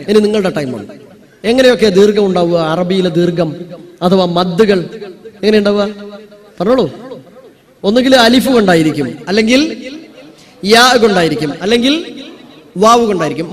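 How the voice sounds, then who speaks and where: A man's voice: sits high, long reverb tail. A man teaching Quran recitation to a live audience, quizzing them and having them answer aloud. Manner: call-and-response drilling, prompting the crowd to answer aloud. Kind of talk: live religious class talk to an audience. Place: large hall with an audience.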